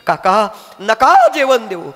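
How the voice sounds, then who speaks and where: A man voicing Muktabai, a hushed pleading little girl. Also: high-pitched, very animated, slow, voice pushed up, exaggerated voice. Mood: tearful plea. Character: small orphan girl, pleading and tearful. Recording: echoey hall with faint music.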